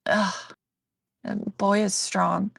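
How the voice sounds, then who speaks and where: A woman playing in a tabletop game, relaxed and casual. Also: medium pitch, very slow, vocal fry. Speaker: player.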